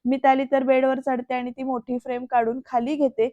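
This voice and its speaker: A woman's voice: sits high, little pitch movement, moderate pace, mellow, no room sound. A woman narrating a voice-over recap of a TV serial in a chatty way, speaking straight to the viewers. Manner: chatty, addresses viewers directly. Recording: dull lo-fi dry voice-over.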